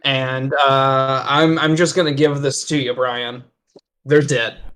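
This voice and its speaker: A man narrating as game master of a tabletop game, talking haltingly with many fillers and restarts. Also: mid-range voice, little pitch movement, fairly bright tone, slight background noise.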